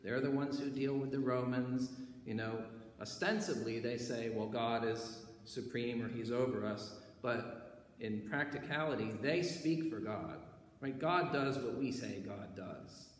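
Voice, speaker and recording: A man's voice: medium pitch, fairly even intonation, unhurried. A man preaching a sermon as pastor, in a conversational way, often checking in with "right?" and "okay". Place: church sanctuary. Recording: echoey church hall with faint background noise.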